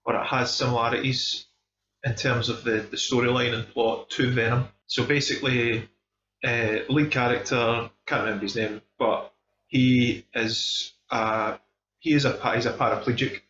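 A film discussion podcast host with a Scottish accent reviews films in a casual, enthusiastic chat full of emphasis. His medium-pitched voice is a bit bright, with a steady tone at normal speed, and the room recording sounds dull and echoey.

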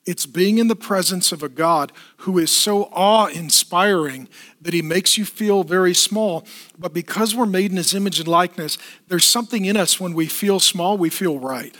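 A man preaching a sermon in church, talking in a lively way and putting questions and asides to the congregation. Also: high-pitched, moderate pace. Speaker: pastor.

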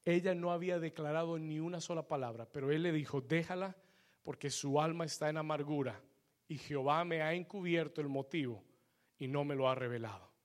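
Fervent high-voiced male preacher. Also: fairly quick. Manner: fervent preaching that swells to shouts, calling for amens. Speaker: pastor. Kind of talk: sermon.

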